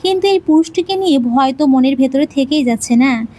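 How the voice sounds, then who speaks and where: A woman narrating a romantic audio story in a steady, expressive reading. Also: high voice, fairly quick.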